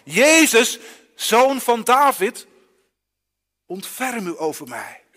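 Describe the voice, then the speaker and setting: A man voicing a desperate blind beggar who calls out loudly and pleads for help, with a long church echo. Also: fairly high pitch, big pitch swings, unhurried, slightly rough, heavily acted. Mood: pleading.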